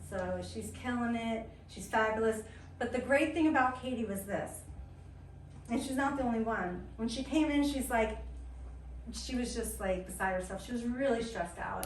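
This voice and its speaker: A woman's voice: mid-range voice, slight background noise. A woman wellness coach giving an upbeat, chatty talk to a small group at an indoor event. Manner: chatty, upbeat, quick asides. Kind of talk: lively storytelling presentation. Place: indoor event room at a chiropractic office. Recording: echoey room from a distance, faint ambience.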